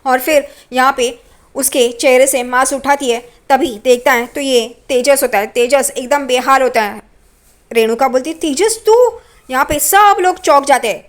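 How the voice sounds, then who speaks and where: A woman casually retelling a TV serial episode in an animated, vivid way. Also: sits high. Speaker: TV serial recap narrator. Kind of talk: casual storytelling recap.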